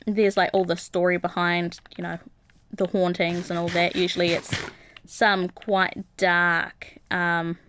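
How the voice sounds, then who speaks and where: A woman's voice: fairly low pitch, a bit bright, clean tone, no echo. A young woman streaming a game, chatting casually with viewers and reading their comments aloud, with plenty of ums and uhs. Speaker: gaming livestreamer. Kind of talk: casual live-stream chat while playing.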